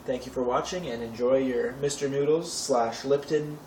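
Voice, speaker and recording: A young man at a moderate pace and mid-range pitch hosts a cooking tutorial at home, keeping things chatty and offhand with dry, wry comments. Clattering pots and cutlery fill the background of an echoey, noisy recording made on a distant camera mic.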